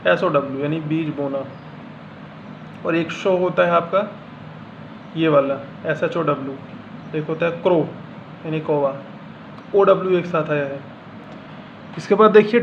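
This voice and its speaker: Slow deliberate teacher, lo-fi. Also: male voice, fairly high pitch, vocal fry. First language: Hindi. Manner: slow, deliberate, repeats example words one by one. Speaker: English teacher. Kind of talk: classroom lesson explaining pronunciation. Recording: dull lo-fi sound with faint room hum.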